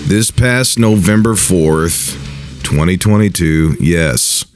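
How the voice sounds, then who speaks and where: A man in his forties, a pastor hosting his own podcast, talking in a casual monologue with an earnest, animated manner and frequent restarts. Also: deep voice, slow pace, faint music behind. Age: 40s.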